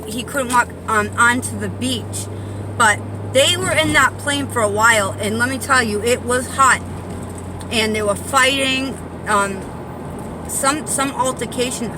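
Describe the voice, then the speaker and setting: Casting: woman, higher-pitched, lisp with whistling S, insistent off-the-cuff vlogger, noisy phone recording. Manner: insistent, halting, conspiratorial telling. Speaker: video maker addressing viewers. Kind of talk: rambling casual vlog monologue. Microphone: handheld phone.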